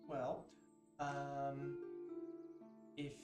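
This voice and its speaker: A man narrating as game master of a tabletop game, hesitant and pausing often as he addresses the players. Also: mid-range voice, monotone. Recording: roomy, distant microphone, music behind.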